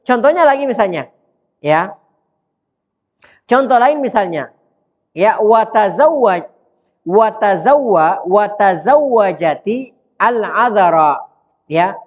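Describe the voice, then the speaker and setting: A man's voice: high voice, sing-song, slow pace, long pauses. A man teaching an Arabic grammar lesson who reads phrases aloud, translates them and often quizzes his students. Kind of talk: classroom lesson explaining a grammar text. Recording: dull sound with long hall reverb.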